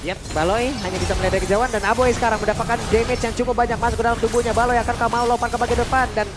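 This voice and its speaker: A man with an Indonesian accent doing excitable play-by-play as an esports caster. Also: very high-pitched, racing. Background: music.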